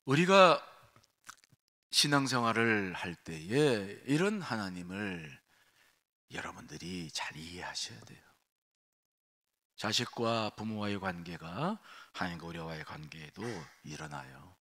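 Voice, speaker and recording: A man preaching a sermon as senior pastor at an early-morning prayer service. He talks emphatically, swings from quiet asides to shouting, and asks the congregation rhetorical questions. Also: low-pitched, animated, measured pace, pauses often.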